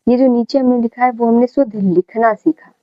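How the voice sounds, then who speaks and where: A woman's voice: a little high, a little fast, dry recording, lo-fi sound. A woman teaching a grammar lesson, who repeats key words and keeps checking in with her students.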